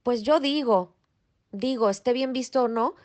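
A woman's voice: on the high side, unhurried, darkish tone. A middle-aged woman with a Mexican Spanish accent, a property manager talking bluntly and emphatically in a casual interview, mixing in English words.

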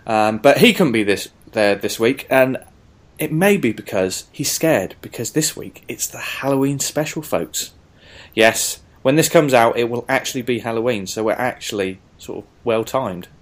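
A man's voice: medium pitch, expressive, moderate pace. A British man hosting a podcast, mixing scripted introduction with casual chat in a jokey, theatrical way. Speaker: podcast host.

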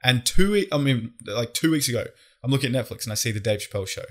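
A man chats casually on a podcast with a loose, slangy, swear-heavy delivery. His voice sits at an ordinary middle pitch. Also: expressive, quick pace. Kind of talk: casual chat.

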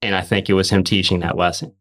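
Earnest low-voiced man telling a testimony. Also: level tone, fairly bright tone. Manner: emphatic, fast and repetitive restarts. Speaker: podcast host.

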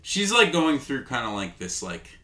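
A man's voice: medium pitch, very animated, normal speed, sharp tone. A man co-hosting a casual movie discussion, rambling with lots of "like" and "um". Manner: rambling, many fillers like "like" and "um". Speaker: podcast co-host.

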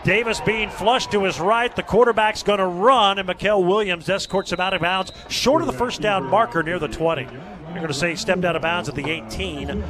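A man's voice: high voice, brisk, crowd noise. A man calling football play-by-play in live sports commentary. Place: outdoor football stadium broadcast.

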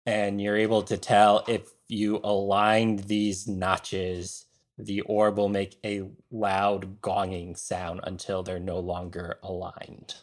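Low-voiced man running a tabletop game. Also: completely flat delivery, slow. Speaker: game master.

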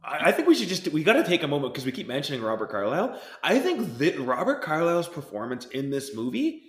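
Man, film podcast co-host, animated and emphatic, slightly higher voice, roomy sound. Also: fast. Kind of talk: casual film discussion.

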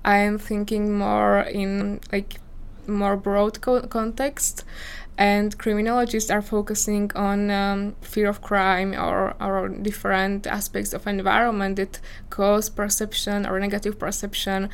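A woman's voice: mid-range voice, completely flat delivery, a little slow, gravelly, smooth. A woman in her twenties from Slovakia with a Slovak accent, answering interview questions earnestly in English as a non-native speaker, searching for her words. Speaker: visiting scholar guest.

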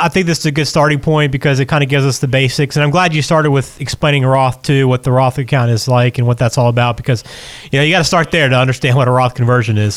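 Fast-talking American male podcast host. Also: medium pitch. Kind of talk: conversational podcast hosting.

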